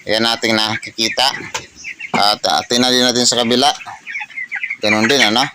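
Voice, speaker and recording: A man's voice: mid-range voice, little pitch movement, moderate pace. A man, walking through his poultry house and explaining in a casual, repetitive way, pointing things out with many fillers and tag questions. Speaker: poultry farm vlogger. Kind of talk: casual walkthrough narration. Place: chicken house on a farm. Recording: noisy farm with chickens. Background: clucking chickens.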